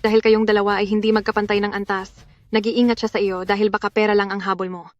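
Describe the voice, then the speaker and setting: A woman's voice: medium pitch, little pitch movement, quick pace, no echo, highs cut off, natural voice. A woman dubbing a spiteful, jealous young rival who taunts and mocks. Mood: taunting. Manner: taunting, mocking. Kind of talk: Filipino dub of a drama.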